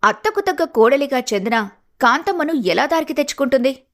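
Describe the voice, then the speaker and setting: A woman delivering scripted narration for an animated story in a dramatic storytelling manner. Her voice sits fairly high. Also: a little fast.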